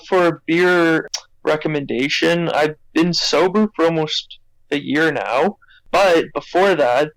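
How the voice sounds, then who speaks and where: A man's voice: a little high, gravelly, no echo, poor audio. A young Canadian man leaving a friendly, rambling voicemail for a podcast as a listener. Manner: friendly and enthusiastic, rambling with fillers. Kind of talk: recorded voicemail message.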